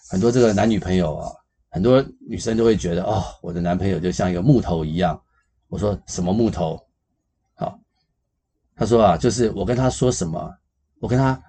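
Man, podcast psychologist, low husky voice, dark tone. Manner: animated, gives everyday examples, many fillers. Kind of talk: explanatory podcast talk.

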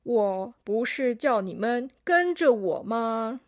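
A woman's voice: on the high side, lively intonation, takes it slowly, darkish tone, no room sound, clean studio sound. A woman doing a weary sighing chameleon. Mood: resigned. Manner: sighing, resigned. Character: weary polite male chameleon chairman.

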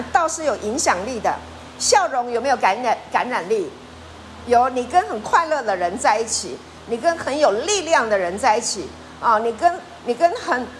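High-pitched lady preaching, keeps asking the room questions, bit of hiss behind. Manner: lively, asks the congregation questions. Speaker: pastor. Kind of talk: sermon.

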